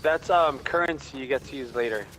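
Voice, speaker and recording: A man's voice: medium pitch, fairly quick, a bit bright, a little hiss or hum, low-quality recording. A man guiding another player through a video game in casual, explanatory talk, his voice sounding as if inside a helmet. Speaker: experienced player guiding a newcomer. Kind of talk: casual gameplay instruction.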